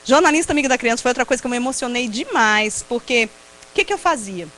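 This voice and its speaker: A Brazilian woman with a Brazilian Portuguese accent, giving a personal testimony talk at a prayer group, telling stories in a lively way, laughing often and acting out what people said. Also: fairly high pitch, fast talker, slight background noise, poor audio. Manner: lively storyteller who laughs often and acts out quotes. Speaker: invited speaker at a prayer group.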